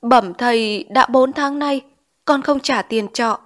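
A woman's voice: a little high, slow, voice pushed up. A woman voicing a poor, timid schoolboy in an audiobook, answering meekly and politely. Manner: meek, polite address. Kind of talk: audiobook character reading.

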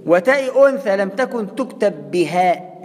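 A man's voice: sits high, expressive, normal speed, slight background noise. A man with an Egyptian accent who teaches Quran recitation and keeps asking his listeners rhetorical questions. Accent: Egyptian Arabic. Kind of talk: explanatory religious lesson. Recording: long hall reverb.

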